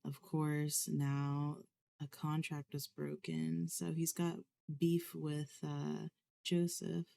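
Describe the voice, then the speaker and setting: A woman's voice: sits low, flat delivery, slow pace, gravelly, mellow, slight background noise. A woman giving let's play commentary on a life-simulation game, telling its story with dramatic exasperation.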